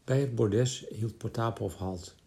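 Gravelly, dark-toned male narrator. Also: fairly low pitch, unhurried. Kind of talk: literary audiobook reading.

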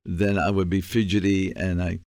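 Deep gravelly older man from the Bronx. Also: level tone, moderate pace, darkish tone, no room sound, clean studio sound. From South Bronx, New York. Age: 80s. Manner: emphatic, repeats words, tags okay and all right. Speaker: guest, entrepreneur. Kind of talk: interview storytelling.

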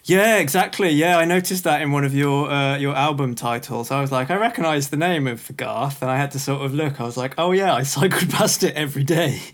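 A man's voice: on the high side, fairly quick, hardly any pauses. A man hosting a podcast interview, asking questions in a friendly, enthusiastic way. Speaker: podcast host. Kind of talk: casual interview chat.

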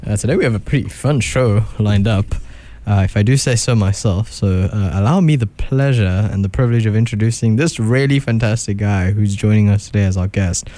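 A man's voice: lowish voice, a little fast, hardly any pauses, dark tone, no room sound. A young man from southern Africa hosting a casual radio show. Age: young adult.

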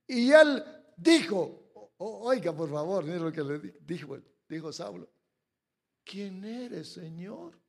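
Pastor guy preaching, high voice, acts out voices, drifts off mic when he shouts. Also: unhurried. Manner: preaching with sudden shouted peaks and quiet asides. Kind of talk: sermon.

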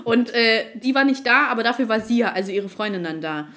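A woman's voice: a little high, animated, fairly quick, a bit bright. A woman in casual chat, retelling arguments with lots of fillers, slang and acted-out quotes. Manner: colloquial youth slang.

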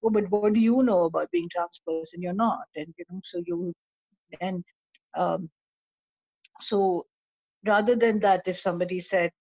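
A woman guest reflecting in conversation, haltingly explaining her ideas through examples. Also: on the low side, a little mellow, no room sound, dull audio. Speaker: discussion guest.

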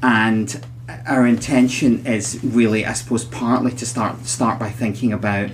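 A man's voice: medium pitch, steady tone, measured pace, a little hiss or hum. A man hosting a psychology podcast in conversational style, chatty, with wry asides, in a recording room with guests.

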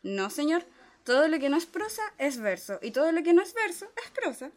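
A patient, pedantic philosophy tutor, voiced by a woman, lays out each lesson step by step. The tone sits a little high and stays methodical. It is a dramatic reading. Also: big pitch swings, a little fast. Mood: explaining. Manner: methodical, explanatory. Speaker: reader playing a tutor.

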